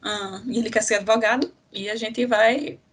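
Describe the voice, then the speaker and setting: A woman's voice: fairly high pitch, fairly even intonation, moderate pace, breathy edge. A woman in her twenties with a Brazilian accent from Recife, giving chatty advice as an interview guest and mixing in English terms. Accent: Brazilian Portuguese, from Recife. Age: 20s. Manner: chatty, restarts sentences, mixes in English terms. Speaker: interview guest, doctoral student.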